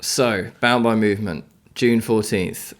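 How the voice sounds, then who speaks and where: A man's voice: on the low side, measured pace. A man hosting a podcast, casual and laid-back, swearing and laughing often. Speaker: podcast host. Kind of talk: casual chat.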